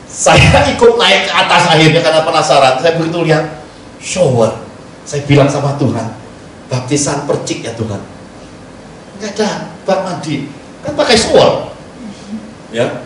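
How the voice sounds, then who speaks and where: A man, a pastor preaching a sermon, telling stories with lively quoted dialogue and laughing asides. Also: a little high. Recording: echoey, far from the mic, faint noise.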